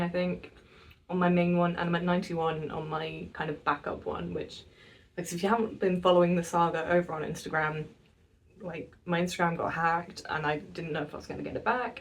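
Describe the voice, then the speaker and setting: A nineteen-year-old woman, chatting casually in a vlog, self-mocking and quick to laugh. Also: lowish voice, far from the mic. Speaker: vlogger.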